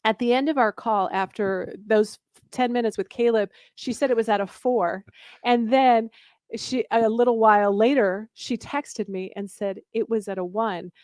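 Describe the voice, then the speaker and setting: A woman's voice: fairly high pitch, fairly even intonation, normal speed, a little mellow, dry recording, clean studio sound. A woman in her forties, a guest author and coach on a radio talk show, telling a story and acting out the dialogue.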